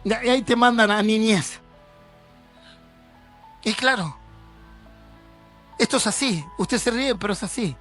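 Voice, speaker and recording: Pastor, male, crisp and high-pitched, conversational but emphatic church sermon. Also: measured pace, pauses often, a bit bright, faint music behind.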